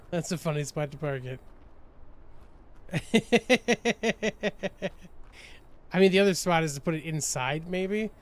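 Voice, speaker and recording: A man's voice: high-pitched, expressive, slow pace, pauses often. A man hosting a gaming channel, chatting casually with teammates as he plays, laughing often and restarting his sentences. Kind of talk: casual let's-play chat with teammates.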